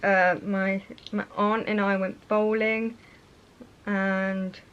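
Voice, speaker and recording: A woman's voice: mid-range voice, flat delivery, slow, smooth. A young British woman chatting casually and a little hesitantly as she shows things to viewers in a vlog. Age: young adult. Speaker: vlogger. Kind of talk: casual show-and-tell chat. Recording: muffled sound with faint noise.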